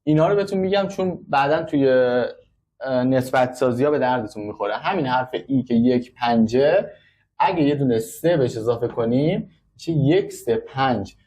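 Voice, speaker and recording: A man's voice: medium pitch, dark tone. A man teaching braille in a classroom, explaining step by step and counting out numbers. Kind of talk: classroom lesson.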